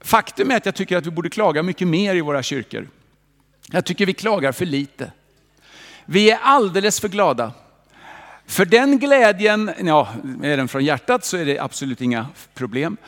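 A man preaching a sermon in a church, lively and direct, with rhetorical questions aimed at the congregation. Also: sits high. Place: church hall. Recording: long reverb of a church hall.

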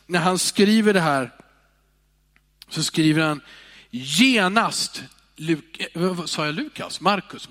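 A man preaching a sermon in a high-pitched voice. His delivery is expressive, rising to loud calls and dropping to sighing, near-whispered words. The sound carries a long reverb from a church hall.

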